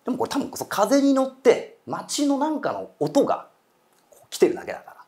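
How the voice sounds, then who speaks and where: A man's voice: very high-pitched, huge pitch swings, fairly quick, darkish tone. A man telling a ghost story in casual chat, acting out quoted voices and eerie murmurs. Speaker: guest storyteller.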